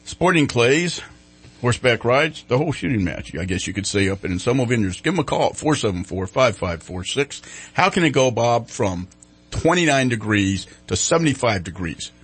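Husky male radio host, folksy and casual. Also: mid-range voice, sing-song, moderate pace. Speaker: radio talk show host. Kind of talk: casual live radio chat. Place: radio studio.

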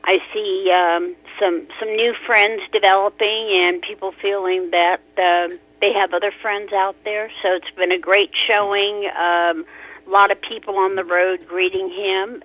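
A woman calling in to a radio show over a clipped telephone line, talking casually and halting often to find her words. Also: fairly low pitch. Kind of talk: casual call-in chat. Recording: muffled phone-line audio.

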